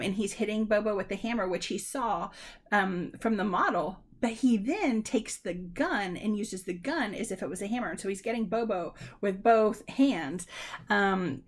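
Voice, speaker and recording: A woman giving a university lecture in a conversational way, with frequent ums and restarts, talking straight to her students. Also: medium pitch. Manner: addresses students directly. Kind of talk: recorded lecture.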